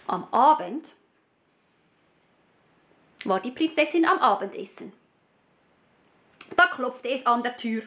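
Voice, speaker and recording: A woman reading a fairy tale aloud for children, slow, clear and expressive. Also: on the high side. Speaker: storyteller.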